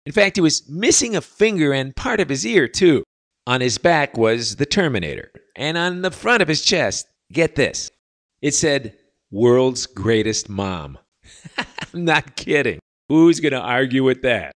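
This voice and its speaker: A male podcast host delivering a mocking, sarcastic monologue. His pitch swings widely as he talks, rising and falling with his jabs. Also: big pitch swings, unhurried, fairly bright tone. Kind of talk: sardonic monologue. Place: living in Latin America.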